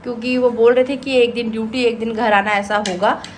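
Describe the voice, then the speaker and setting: A woman vlogging at home, chatting casually to camera and retelling her day in an animated way. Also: on the high side, fairly quick, slight background noise. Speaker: vlogger, host of a family daily vlog.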